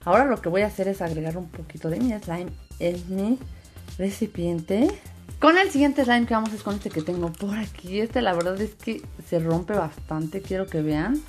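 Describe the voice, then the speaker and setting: A woman's voice: medium pitch, normal speed. A woman giving a casual step-by-step craft voice-over, repeating words for emphasis. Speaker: host of a slime craft channel. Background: background music.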